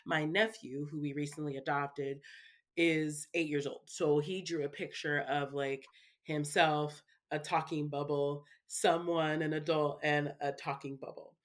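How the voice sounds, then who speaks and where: A parenting speaker appearing as an interview guest talks in a low, steady voice at a measured pace. Casual and chatty, she tacks little asides onto her sentences and sprinkles in "you know" and "right".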